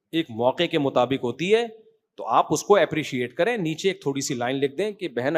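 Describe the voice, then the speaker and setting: A man lecturing as an Islamic scholar, in a somewhat high voice. He speaks emphatically but conversationally, pressing his points with rhetorical questions to his listeners, and moves on to answering their questions. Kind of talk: religious lecture with audience questions.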